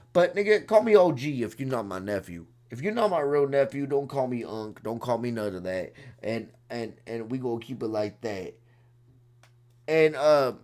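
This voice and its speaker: A man ranting profanely to his livestream chat, swinging from shouted outbursts to low muttering and repeating himself. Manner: repetitive, talks straight to viewers.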